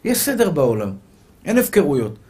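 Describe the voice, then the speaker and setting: A man, a rabbi, giving an animated sermon full of rhetorical questions and repeated phrases, his speech a little slurred after tooth extractions. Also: fairly high pitch. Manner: animated, acts out little scenes and voices.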